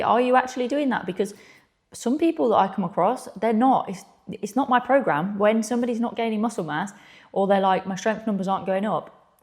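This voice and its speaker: A physiotherapist and clinical mentor talks directly to camera like a coach, giving instruction in a blunt, emphatic way with pointed rhetorical questions. Her voice is slightly low with a darkish tone, and she's in an echoey indoor space.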